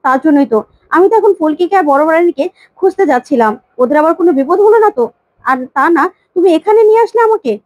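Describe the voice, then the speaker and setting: A woman's voice: sits high, expressive, fast, darkish tone, no echo, muffled recording. A woman voicing an earnest, protective young husband who explains urgently, while retelling a serial plot.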